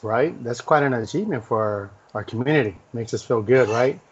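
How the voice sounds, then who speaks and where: A man's voice: medium pitch, a little fast, a little hiss or hum. A man chatting casually as a podcast co-host. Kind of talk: casual chat. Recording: slightly dull, lo-fi podcast audio.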